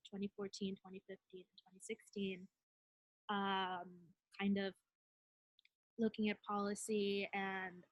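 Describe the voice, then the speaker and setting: An Indian woman in her twenties introduces herself as a delegation co-leader during a webinar, speaking earnestly and conversationally with lots of fillers. Her voice is mid-range, and the recording is rough though free of room sound.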